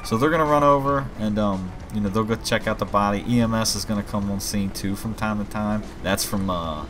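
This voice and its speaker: In a brisk, lowish voice, a man shows off his own game mod with an offhand, meandering walkthrough. The game's music, vehicle sounds and wailing police sirens play beneath his talk.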